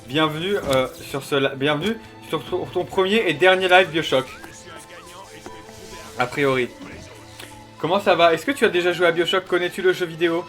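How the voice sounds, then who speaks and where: Excitable young man streaming a game. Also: a little high, moderate pace, pauses often, soft background music. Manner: excitable, swears often, chatty with fillers. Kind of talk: casual gameplay commentary to chat.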